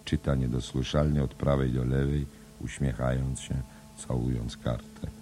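Man with a super low dark voice reading an audiobook, slow measured stage directions. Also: little pitch movement. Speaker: audiobook reader. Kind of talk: scripted narration of a play-like novel.

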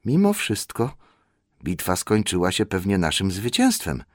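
A man's voice: low voice, huge pitch swings, unhurried, no echo, clean studio sound, exaggerated voice. A man voicing a small, dazed and wounded male hobbit in a storybook reading, in a raised, strained, plaintive tone. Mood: rueful. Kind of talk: audiobook character voice.

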